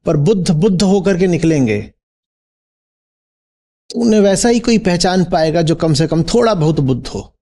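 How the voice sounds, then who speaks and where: A man's voice: sits high, lively intonation, moderate pace, long pauses, mellow. A man teaching as a spiritual teacher in a discourse, posing rhetorical questions and checking in with his listeners.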